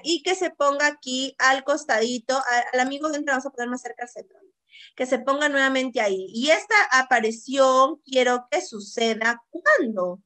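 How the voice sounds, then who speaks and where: A woman teacher giving a casual software tutorial, lively and often asking rhetorical questions to check in with her viewers. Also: sits high. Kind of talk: screen-recorded software tutorial.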